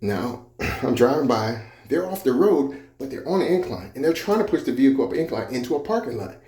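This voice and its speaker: A man's voice: mid-range voice, big pitch swings, brisk, warm tone, roomy sound. A man giving a motivational talk about his own experiences, speaking conversationally and repeating himself, with frequent restarts. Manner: conversational, repetitive storytelling with restarts. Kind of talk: personal storytelling talk.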